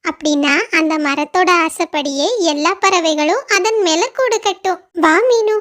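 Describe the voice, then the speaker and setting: A woman voicing a clever, lively young parrot in a cartoon, quick and exclaiming. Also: very high voice.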